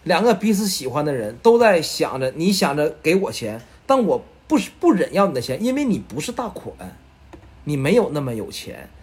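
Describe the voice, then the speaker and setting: A man's voice: fairly high pitch, big pitch swings, a little fast, a little mellow, slightly rough. A man, a bookstore co-owner speaking earnestly and reflectively in casual chat.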